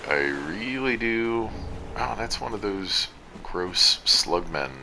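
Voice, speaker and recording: A man's voice: rumbling low, vocal fry, noisy background. A tired, sleepy man giving rambling, self-deprecating commentary over his own gameplay recording. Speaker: gaming video commentator.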